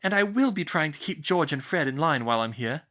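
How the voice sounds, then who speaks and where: This fan fiction audiobook reading has the narrator take on a clever, bossy teenage witch girl, earnest and insistent as she scolds. The voice sits mid-range and sounds expressive, brisk and a bit bright, raised somewhat but still natural.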